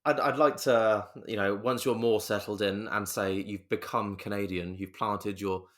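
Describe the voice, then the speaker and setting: A man hosting a podcast who interviews his guest in a warm, rambling way, with lots of restarts. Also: on the low side, steady tone, normal speed. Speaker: podcast host. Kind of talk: casual interview.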